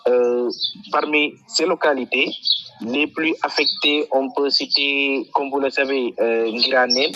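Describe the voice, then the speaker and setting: A man from Senegal, answering interview questions about flooding in a halting way, full of fillers and repeated words. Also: medium pitch, steady tone, lo-fi sound, background noise. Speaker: flood prevention activist, guest.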